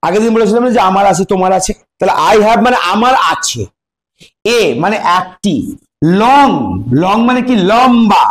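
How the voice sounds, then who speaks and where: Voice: mid-range voice, moderate pace, reverberant. A primary school teacher giving a revision lesson, asking questions and answering them, repeating key words and explaining step by step. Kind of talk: revision lesson for young pupils.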